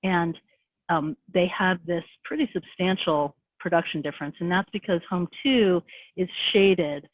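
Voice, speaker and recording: A woman giving a fast, casual presentation over a video call, full of fillers and restarts. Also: fairly low pitch, dry recording. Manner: rapid, conversational, many fillers. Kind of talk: webinar presentation. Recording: tinny phone-like call audio.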